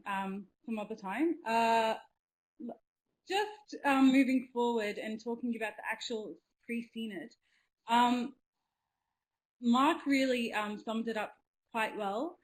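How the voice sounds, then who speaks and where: A woman's voice: fairly high pitch, poor audio. Chatty young Australian woman on a webinar. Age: young adult. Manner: chatty, many ums, earnest and enthusiastic. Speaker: youth representative. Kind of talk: webinar talk. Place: indoors at home, small room. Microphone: video call.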